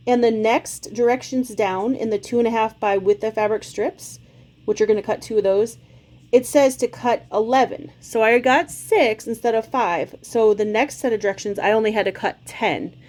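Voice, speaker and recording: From her sewing room at home, a quilting channel host in her forties chats warmly through each step of a casual sewing tutorial. Her slightly high voice moves at normal speed and has a somewhat mellow quality. A slight cold shows, with an occasional cough.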